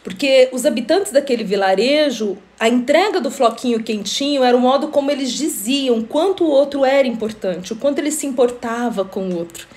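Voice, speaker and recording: A middle-aged woman hosts a casual live stream. Her voice sits high, and she tells stories in a relaxed, chatty way, breaking into laughter and greeting viewers by name. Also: brisk, hardly any pauses.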